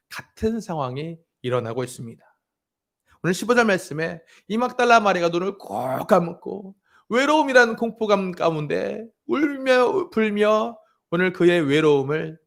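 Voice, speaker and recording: A man's voice: high voice, vocal fry. A man in his thirties preaching a sermon as pastor, addressing the congregation directly and telling a family story. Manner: storytelling, acting out his crying daughter's voice.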